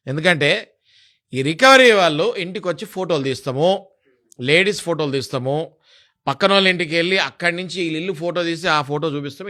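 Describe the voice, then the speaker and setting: A man's voice: a little high, sharp tone. A man being interviewed, explaining legal rights in an emphatic, lecturing way and listing legal sections.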